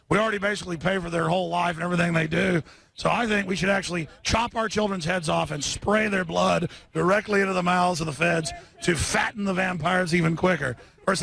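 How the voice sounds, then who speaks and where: A high, gravelly, bright-toned man hosting a live broadcast outdoors at a street rally. He rambles from point to point, restarting sentences constantly. He mixes biting sarcasm with giddy asides, sounding short on sleep. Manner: sarcastic, scattered, lots of restarts. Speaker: live-stream host.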